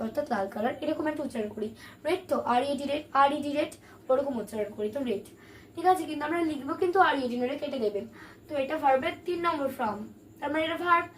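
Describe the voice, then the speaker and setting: A woman teaching a grammar lesson, patiently explaining and asking questions that she then answers herself. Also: sits high. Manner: patient, asks and answers her own questions. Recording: distant mic, faint room noise.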